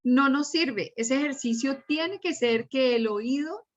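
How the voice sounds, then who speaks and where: A female teacher with a slightly high voice gives a slow, explanatory class lecture, patiently repeating and spelling out her examples one by one. The audio is dull and lo-fi, like an online class.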